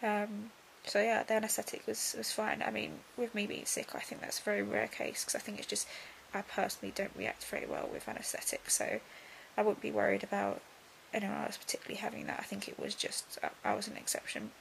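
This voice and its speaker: A young woman talking casually in a video diary, subdued and drowsy as she recovers from surgery, her voice creaky and breaking into breath. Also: mid-range voice, fairly quick, few pauses, a little hiss or hum, low-quality recording. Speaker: vlogger.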